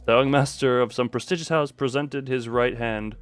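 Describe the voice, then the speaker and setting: At medium pitch and normal speed, a man with a clean-toned voice narrates a story game dramatically during a livestream. He interjects with animated disbelief and some swearing, while faint music plays underneath.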